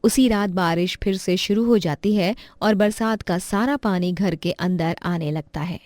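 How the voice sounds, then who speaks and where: A woman narrating a moral story in a gentle storybook manner. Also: on the low side, measured pace, no echo, clean studio sound. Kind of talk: scripted narration.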